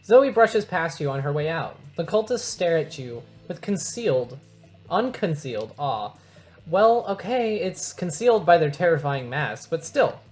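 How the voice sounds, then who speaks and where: A woman's voice: low voice, sing-song, unhurried, a little mellow, faint music behind. A woman chatting playfully and narrating game text aloud in a dramatic way during a let's-play. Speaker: gamer.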